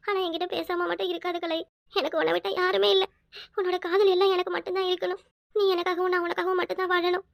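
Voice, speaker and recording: A woman voicing a gentle young village wife in a cartoon, faint and drowsy, speaking softly with a Tirunelveli Tamil accent. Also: very high-pitched, vocal fry, no room sound, clean studio sound. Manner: soft, tender, weak. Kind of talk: cartoon voice acting.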